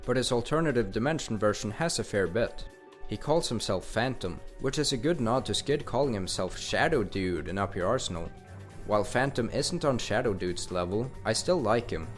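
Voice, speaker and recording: Lower-voiced male YouTuber, scripted ranking voice-over, casual, faint music bed. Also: animated, normal speed. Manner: enthusiastic, casual slang. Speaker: video game YouTuber. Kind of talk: scripted countdown narration.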